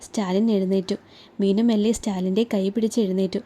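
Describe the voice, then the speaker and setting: A woman reads a romantic serial story aloud in a calm, even narrating voice. Her tone is mellow and warm, with a middle pitch for a woman and a steady, unhurried flow. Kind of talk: scripted narration.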